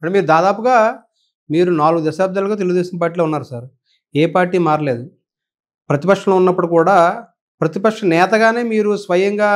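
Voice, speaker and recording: A man interviewing a politician, asking polite, leading questions and addressing him as sir. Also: sits high.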